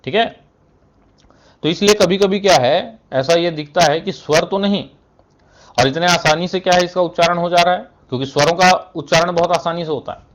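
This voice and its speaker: A man's voice: high-pitched, a little fast, slight background noise. A male Hindi teacher explaining step by step in a classroom lesson, asking questions and answering them himself, with frequent "thik hai" fillers. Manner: keeps adding "thik hai" between phrases; clears his throat now and then.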